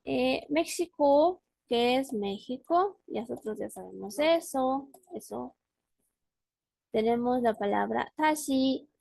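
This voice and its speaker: A woman's voice: high-pitched, expressive, slow, gravelly, a little mellow, dry recording. A woman teaching a language class on a video call, explaining words patiently and often checking in with her student. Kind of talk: online class.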